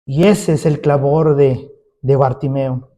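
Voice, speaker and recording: A man's voice: medium pitch, fairly even intonation, slow pace, warm tone. A man preaching a sermon as pastor, emphatic, putting rhetorical questions to his congregation.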